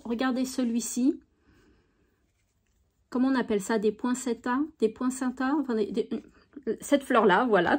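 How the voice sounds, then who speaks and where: A woman chatting enthusiastically as she shows off craft supplies, with frequent fillers. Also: on the high side. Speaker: craft YouTuber. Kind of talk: casual product show-and-tell.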